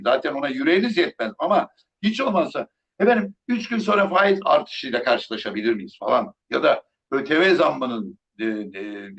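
A man's voice: a little high, vocal fry, fairly bright tone, dull audio. A middle-aged man from Turkey giving a heated, sarcastic live political commentary, scolding and mocking as he talks.

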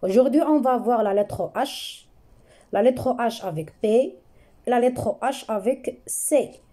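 A woman's voice: a little high, slow, mellow. A woman giving a reading lesson, patiently drawing out each syllable and repeating every sound for her pupils. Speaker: reading teacher.

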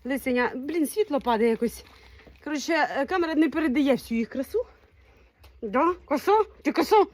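A woman's voice: high voice, expressive, normal speed, a little mellow. A woman dog breeder in a casual vlog, talking playfully and in baby talk to her puppies, laughing now and then.

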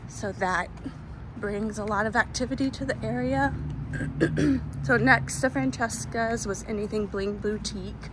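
Walking through an outdoor shopping plaza with a handheld phone camera, a woman gives a casual tour, chatty, laughing often and leaning on fillers, a bit tired and thirsty. Her fairly high voice moves a little slowly. Traffic and street noise run through the outdoor phone audio.

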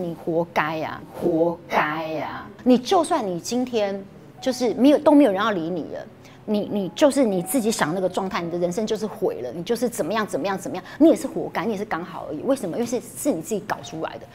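A woman's voice: mid-range voice, darkish tone, slight background noise. A woman from Taiwan with a Taiwanese Mandarin accent, speaking candidly in an interview and often voicing her own harsh inner thoughts. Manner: candid, self-reproaching, quotes her own thoughts aloud. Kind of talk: emotional personal recollection.

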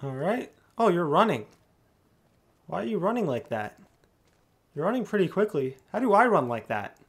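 A man's voice: sits high, big pitch swings, normal speed, vocal fry, husky, heavily acted. A man voicing a nervous, naive and eager young errand-runner, stammering and gushing as he role-plays through a video game. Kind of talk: role-play gameplay commentary in character.

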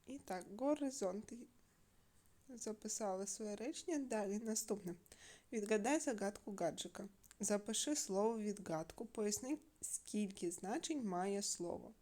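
Woman teacher, mellow tone, slow careful dictation for a recorded class lesson. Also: mid-range voice, animated. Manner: slow, clear, syllable-by-syllable dictation. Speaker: primary school teacher.

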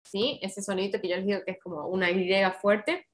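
Here a woman's medium-pitched voice comes through a low-quality recording. She has an Argentine Spanish accent and is giving an online English lesson, patiently coaching pronunciation. Her delivery is slow and encouraging, and she models each word carefully.

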